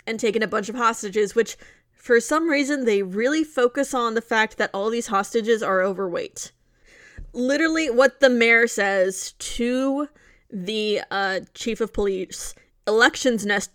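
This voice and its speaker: A woman co-hosting a podcast, recapping a movie plot in casual chat with wry, deadpan asides. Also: mid-range voice, no echo, studio quality. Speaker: podcast co-host.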